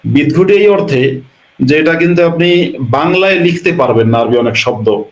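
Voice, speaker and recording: A man's voice: fairly high pitch, lively intonation, moderate pace. A man from Bangladesh, a religious scholar explaining an answer and piling up rhetorical questions. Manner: lecturing, piles up rhetorical questions. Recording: roomy echo.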